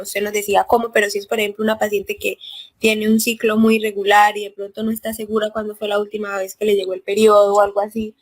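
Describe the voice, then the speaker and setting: Female student, mid pitch, flat delivery, hesitant question. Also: low-quality recording. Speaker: medical student.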